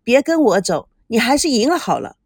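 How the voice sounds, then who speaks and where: A woman's voice: a little high, very animated, fairly quick, a little mellow, husky, no echo, studio quality, exaggerated voice. A woman voicing a playful, teasing young woman in an audiobook.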